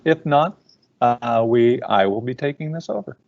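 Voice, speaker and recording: A man moderating a webinar in a calm, matter-of-fact way with pauses and fillers, heard as call audio on a screen recording. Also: mid-range voice, vocal fry, no echo, lo-fi sound. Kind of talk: casual live webinar talk.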